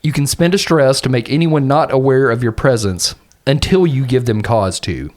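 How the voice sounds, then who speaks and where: A man's voice: medium pitch, moderate pace. A man playing a tabletop game who describes his character's moves with lots of laughter. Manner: laughing, animated storytelling. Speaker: player.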